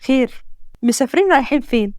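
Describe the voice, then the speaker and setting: Storybook role: woman reading a gentle Egyptian husband, fast and close, dry sound. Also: high voice, lively intonation, dry recording. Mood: teasing. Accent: Egyptian Arabic. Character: patient, tender young husband.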